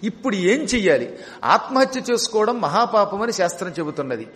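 A man playing a remorseful young prince who reproaches himself, in a high voice with long hall reverb. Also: big pitch swings, fairly quick, fairly bright tone. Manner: self-reproaching, sorrowful.

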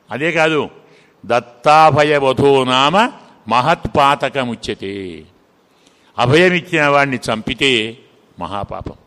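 A man voicing a calm divine male prince who patiently reasons and gently scolds. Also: mid-range voice. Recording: reverberant hall.

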